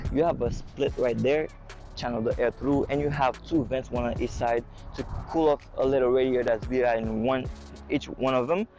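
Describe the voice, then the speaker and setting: Excited man hyping a car outdoors. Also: medium pitch. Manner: excited, enthusiastic hype talk. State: slightly out of breath in the heat. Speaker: car reviewer. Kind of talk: casual car walkaround review. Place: outdoors on a car dealership lot.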